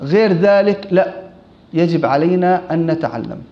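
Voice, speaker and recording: A man with a Levantine Arabic accent giving an informal lesson on Quran recitation, reciting verses slowly and correcting common mistakes with questions to his listeners. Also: a little high, lively intonation. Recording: echoey, dull lo-fi room recording.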